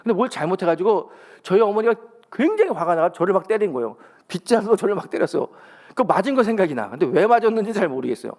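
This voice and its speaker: A male senior pastor preaching a sermon. He is an animated storyteller who acts out the quotes with big jumps in pitch. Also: fast talker. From Busan, South Korea.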